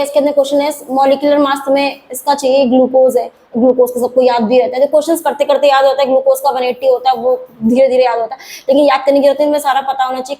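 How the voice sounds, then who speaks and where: High-voiced teacher woman, mellow tone. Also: rough recording. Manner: explanatory, mixes English terms into Hindi. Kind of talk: classroom lecture.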